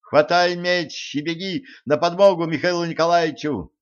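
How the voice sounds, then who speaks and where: Male narrator putting on a feisty young heroine for an audiobook story, pitched up high, shrill, bossy, dull lo-fi sound. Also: normal speed. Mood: bossy shouting. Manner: shrill, shouting.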